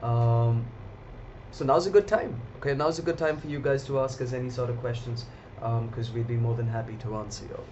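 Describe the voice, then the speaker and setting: A man's voice: medium pitch, fairly quick, background noise. A man hosting a live stream and commenting on markets in a casual, chatty way, talking straight to his viewers. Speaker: trading stream host. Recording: slightly dull lo-fi audio.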